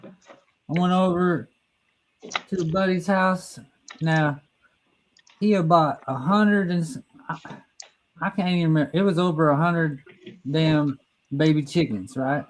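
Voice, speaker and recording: Among friends, a middle-aged man with a slightly raised, fairly high voice spins a long, crude yarn at a somewhat slow pace with long pauses. He rambles, stumbles and restarts mid-sentence, curses freely, and laughs at his own punchlines. The low-quality recording carries slight background noise.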